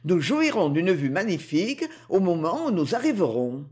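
A woman's voice: fairly low pitch, big pitch swings, moderate pace, a little mellow. A woman reading an audiobook, voicing a possessive underworld king who coaxes and boasts grandly. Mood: pleased.

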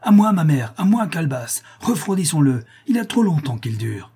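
A man's voice: medium pitch, lively intonation, moderate pace, dark tone, husky. A man voicing a drunk, brutal young male bandit who snarls threats, reading a novel aloud. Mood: menacing.

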